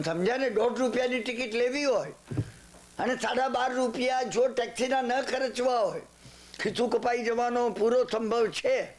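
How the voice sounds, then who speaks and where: An older man giving a Jain sermon. He talks emphatically, swings between low asides and high exclamations, and keeps asking his listeners whether they follow. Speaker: Jain religious speaker.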